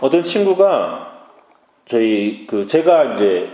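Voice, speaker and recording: A man's voice: mid-range voice, big pitch swings, takes it slowly, warm tone. A man in his mid-thirties, a pastor preaching a sermon and asking the congregation questions. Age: mid-30s. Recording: echoey church hall.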